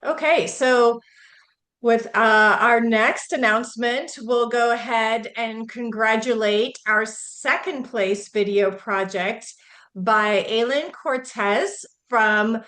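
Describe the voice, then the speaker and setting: A woman hosting an online award ceremony, moderating in a relaxed way with frequent fillers. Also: on the high side, slow. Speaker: ceremony host.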